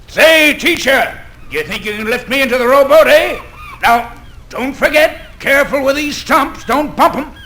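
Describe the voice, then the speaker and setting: A man's voice: very high voice, normal speed, pushed and bright, slight background noise, full character voice. An actor playing a stubborn, bossy old fisherman with no legs, in a 1960s record drama. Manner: gruff, bossy. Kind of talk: 1960s radio drama acting.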